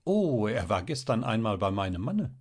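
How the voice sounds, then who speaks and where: A man's voice: on the low side, big pitch swings, moderate pace, a little mellow, slightly rough. A man voicing a cheerful, chatty young married woman in a read-aloud story, with a lightly raised voice.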